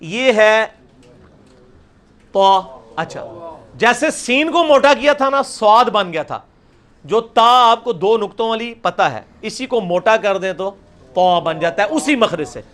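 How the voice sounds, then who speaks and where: A man teaching a recitation class over a video call, repeating each sound slowly and loudly for his students. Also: high-pitched, lively intonation.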